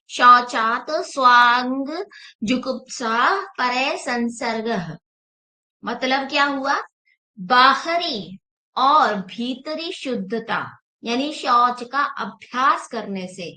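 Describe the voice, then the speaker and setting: A woman's voice: high-pitched, sharp tone. A woman yoga teacher giving an online class, explaining patiently and asking rhetorical questions.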